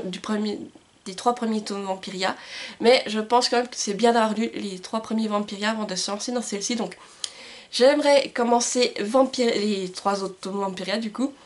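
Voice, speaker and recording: A woman chatting casually on her book vlog, enthusiastic and full of little hesitations. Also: mid-range voice. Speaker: book vlogger. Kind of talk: casual book haul chat.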